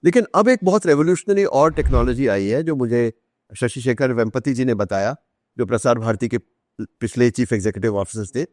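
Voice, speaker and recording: An Indian-accented man, an author appearing as a podcast guest, explains ideas articulately at a fairly quick pace in a medium-pitched, slightly mellow voice with no echo. He repeats phrases for emphasis and mixes in English terms.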